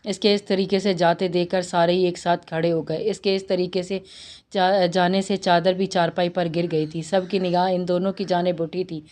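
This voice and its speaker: A woman narrating a romance novel aloud with steady storytelling and occasional slips. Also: lowish voice.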